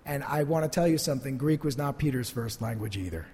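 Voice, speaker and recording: Preaching in a church sanctuary, this male pastor delivers his sermon earnestly and emphatically, fast and expressive in a dark, mid-range voice. Spanish is not his first language, and the church hall reverb is audible.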